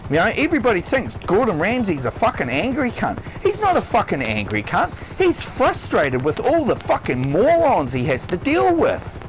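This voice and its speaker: A man with a high voice that leaps up and down his range as he vents on a live game stream. He is blunt, swears constantly, and hammers each point home. A faint hiss sits under his voice. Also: huge pitch swings, normal speed, hardly any pauses. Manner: blunt, heavily profane, emphatic rant. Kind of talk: ranting livestream monologue. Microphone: console headset or stream mic.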